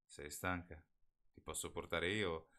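Man reading a gentle, caring young man, deep and calm. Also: unhurried.

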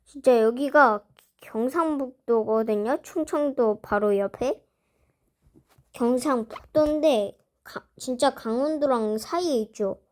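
A woman vlogger slowly narrating as she draws a map, musing aloud and talking to herself as she works. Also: fairly high pitch. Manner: slow, musing, talks to herself while drawing. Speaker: drawing vlogger. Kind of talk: casual narration while drawing a map.

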